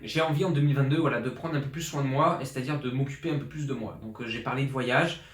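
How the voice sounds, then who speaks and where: A fitness coach in his 20s, fired up, reviews his year in a casual vlog from his flat in an apartment building, rambling with lots of restarts and fillers. His mid-range voice moves fast, picked up on a borrowed professional journalist's mic in an echoey room.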